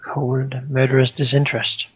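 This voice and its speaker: A man narrating a tabletop game as game master, in halting, searching descriptions. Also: medium pitch, completely flat delivery, muffled recording, background noise.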